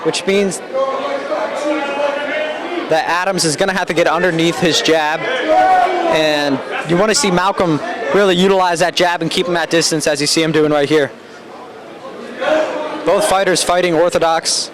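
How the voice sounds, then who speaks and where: High-voiced male boxing commentator over loud crowd. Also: animated, normal speed, pauses often. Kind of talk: live play-by-play commentary. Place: public boxing event venue. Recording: loud crowd noise at venue.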